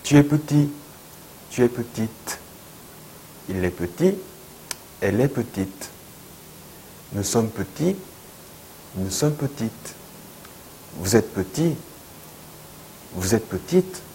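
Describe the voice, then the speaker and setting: A man's voice: fairly low pitch, animated, very slow, long pauses, mellow, a little hiss or hum, low-quality recording. A man teaching French in a video lecture, patiently repeating each word for learners.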